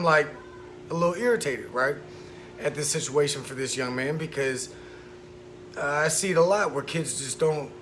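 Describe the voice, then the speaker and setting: A man's voice: on the high side, fairly bright tone, a little hiss or hum. A man telling a personal story in a casual, profane way. He sounds emphatic and indignant and keeps asking the listener "right?". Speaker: vlogger recounting a school incident.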